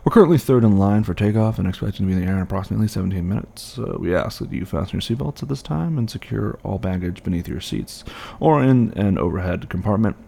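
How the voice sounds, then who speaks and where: A man's voice: fairly low pitch, animated, fast talker, vocal fry, mellow, slightly rough, full character voice. A man playing an airline pilot, giving a formal, practised flight attendant style announcement to passengers. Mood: formal, courteous. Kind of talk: scripted airline cabin announcement.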